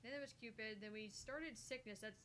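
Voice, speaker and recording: A woman's voice: fairly high pitch, brisk, fairly bright tone, a little hiss or hum. A woman chatting casually as co-host of a visual novel reading stream. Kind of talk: casual chat.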